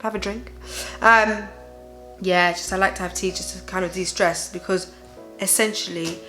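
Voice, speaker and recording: A young mother of a baby, who hosts a parenting vlog, vents to her viewers in an exhausted, weary way, talking candidly and emphatically about her feelings and checking in with them along the way. Her medium-pitched voice is steady and sharp at normal speed, over faint music on a rough recording.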